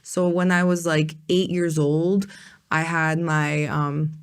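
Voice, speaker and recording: A woman's voice: low-pitched, level tone, takes it slowly, smooth. A woman hosting a podcast, talking casually and rambling with lots of "like" and "um". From United States. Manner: rambling, heavy use of fillers like "like". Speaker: podcast host. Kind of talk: casual interview chat.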